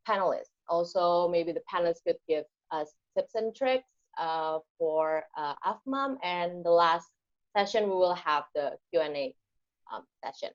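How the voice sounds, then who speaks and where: A young woman from Indonesia, an intern moderating an online panel over a video call, hesitant with many ums and uhs. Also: fairly low pitch. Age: young adult. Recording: slightly muffled video call audio.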